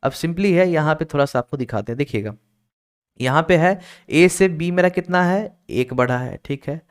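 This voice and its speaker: Clear-voiced man teaching a reasoning class. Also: fairly high pitch, lively intonation, moderate pace. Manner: explains step by step, keeps checking with "ठीक है?" and urging students to hurry. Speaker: online exam-prep teacher. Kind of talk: recorded class lecture.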